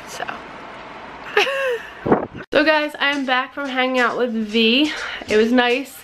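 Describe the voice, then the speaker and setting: A woman's voice: sits high, slow, bright, forceful tone, slight background noise, low-quality recording. A young woman talking casually to the camera as a vlogger, rambling and chatty with frequent fillers. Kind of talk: casual vlog chat.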